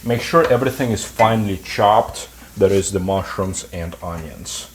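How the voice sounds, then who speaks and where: Low-voiced man hosting a cooking show. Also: a little hiss or hum. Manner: relaxed, halting explanations with fillers. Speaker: cooking channel host. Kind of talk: home cooking tutorial. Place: home kitchen.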